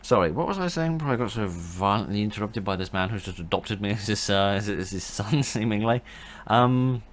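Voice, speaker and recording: A man's voice: on the low side, lively intonation, fairly quick, hardly any pauses. A British man giving a casual, rambling let's play commentary in a wry manner, often interrupting himself. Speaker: gamer commentating.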